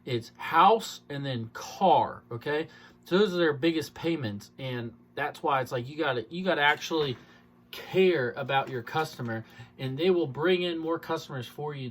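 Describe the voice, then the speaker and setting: A man's voice: a little high, slight background noise. A young man, a car salesman giving casual advice in a rambling way, full of fillers, acting out the customers he quotes.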